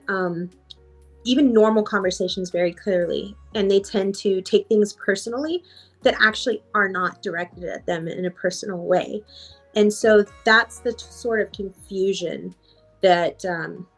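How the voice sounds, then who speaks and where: A woman life coach answering in a podcast interview, reflective and repeating phrases for emphasis. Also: mid-range voice.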